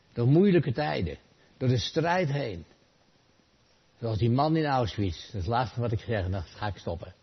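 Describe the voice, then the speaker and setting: A man preaching a sermon, asking rhetorical questions and answering them, rising loud and then dropping soft. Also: medium pitch, breathy edge. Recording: dull lo-fi sound.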